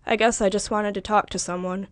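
A woman's voice: medium pitch, fairly quick, no echo, lightly acted. A lonely, weary man speaks evenly, his words heavy with resignation, voiced by a woman reading aloud. The delivery stays close and dry, with no room around it. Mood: resigned. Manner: even, regretful, hurt.

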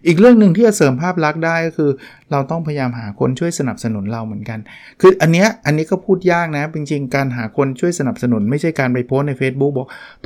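With a mid-range, slightly mellow voice, a man talks casually on his solo book review podcast. He stays chatty throughout and acts out short quoted examples.

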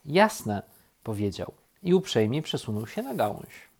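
Slow, lively male storyteller. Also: medium pitch. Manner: slow, lively read-aloud voice. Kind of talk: children's story reading.

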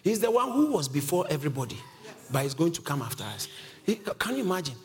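A man's voice: a little high, very animated, quick pace. A man preaching a sermon that teaches from scripture, emphatic and questioning, with frequent chuckles. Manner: emphatic, asks the congregation questions, chuckles often. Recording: reverberant hall with faint music.

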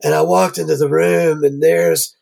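A man, a guest musician, rambling through an animated anecdote in casual conversation. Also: fairly high pitch, normal speed, gravelly.

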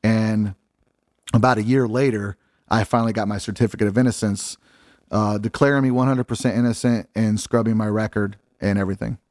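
A man's voice: fairly low pitch, steady tone, a little fast, a little mellow, no echo, studio quality. A man guest telling his story in a casual, candid way, swearing freely and using lots of fillers. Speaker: interview guest.

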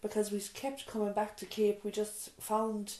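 Speaking at a moderate pace with medium pitch and a monotone delivery, a middle-aged woman from Ireland recounts her life as a nurse and mother in an interview. Her warm storytelling keeps restarting, wandering into asides and "you know", and the small room of the island surgery echoes.

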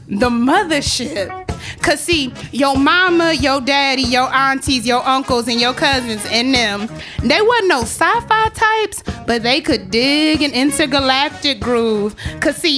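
Woman voicing a taunting stage narrator, sly and relentless, sing-song swoops, fairly high voice, faint music behind. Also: fairly bright tone. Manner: teasing, calls listener girl, sing-song swoops. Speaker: stage actor. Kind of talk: theatrical poetic monologue.

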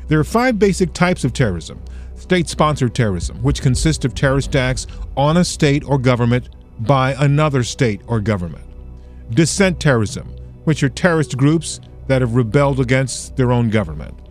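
A man hosts in a deliberate broadcast style, pausing for emphasis between phrases. His voice sits at a medium pitch, with faint music behind it. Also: lively intonation. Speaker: podcast host and interviewer. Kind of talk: scripted narration and interview questions.

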